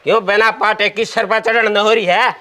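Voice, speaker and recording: Guy doing a haryanvi town drunk son-in-law, high bright voice, taunting and mouthy, village comedy. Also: level tone, moderate pace. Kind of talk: village comedy sketch acting.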